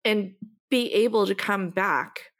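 A woman co-hosting a casual podcast, talking in a reflective, hesitant way, often pausing with "you know" and "um". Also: mid-range voice, fairly bright tone. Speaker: podcast co-host. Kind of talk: casual chat.

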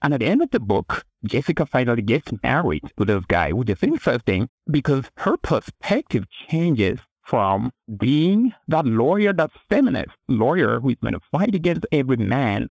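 Man with a lively, dry voice. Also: mid-range voice, creaky, breathy edge, no room sound. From Cameroon. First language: a language other than English. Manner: earnest, storytelling, many restarts. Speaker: author and guest. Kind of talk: interview answers.

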